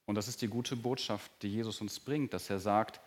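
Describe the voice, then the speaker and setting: A man preaching a sermon to his congregation in a church hall. He talks earnestly and often drops to a soft, slow voice to stress a point. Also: fairly low pitch, steady tone. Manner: earnest, varies pace and volume, drops to soft, slow emphasis. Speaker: pastor.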